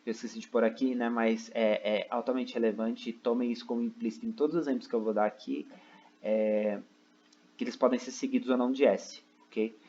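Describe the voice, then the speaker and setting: A teacher records an online lesson at his computer indoors, his medium-pitched, mellow voice moving fairly quickly with fairly even intonation. He explains step by step, often checking in with "né?" and "ok?". Expect lo-fi sound with a little hiss or hum.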